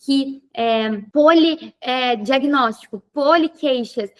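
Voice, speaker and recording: A woman's voice: high-pitched, takes it slowly. A woman hosting an interview, talkative and thinking aloud with many fillers. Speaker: podcast host and physiotherapy teacher. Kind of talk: casual interview chat.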